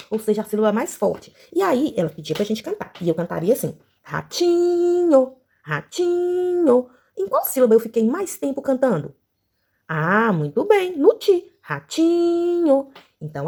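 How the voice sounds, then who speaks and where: A Brazilian woman teacher guiding young children through a lesson, stretching out words slowly and singing syllables. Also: a little high, vocal fry, darkish tone, husky. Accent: Brazilian Portuguese. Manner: slow, sing-song syllables for children.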